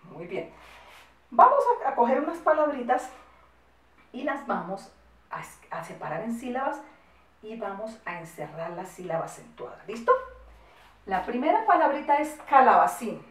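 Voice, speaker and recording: A woman with a Colombian accent teaching a first-grade class, speaking affectionately with lots of diminutives and slowing down to dictate word by word. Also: a little high, very animated, distant mic. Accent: Colombian Spanish. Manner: affectionate, singsong teacher talk with diminutives, slow spelled-out dictation. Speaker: primary school teacher. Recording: echoey room, voice set back from the mic.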